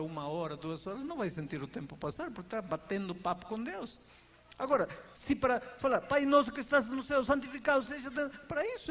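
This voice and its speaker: A male pastor preaching a sermon, acting out everyday conversations with lively shifts in voice and pace. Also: sits high. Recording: reverberant hall with faint background noise.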